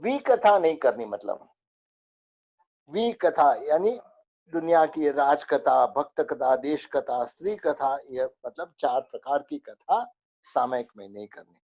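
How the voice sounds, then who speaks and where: A man's voice: a little high, expressive, a little slow, darkish tone, lo-fi sound. A man teaching a spoken religious lesson, going through a list of rules with many fillers.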